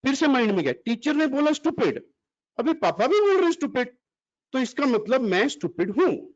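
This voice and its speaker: A man giving an animated online motivational talk and quizzing his audience. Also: very high voice, normal speed. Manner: animated, mixes Hindi and English, quizzes the audience. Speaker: motivational speaker. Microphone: computer mic in an audio-only video call. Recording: dull lo-fi audio.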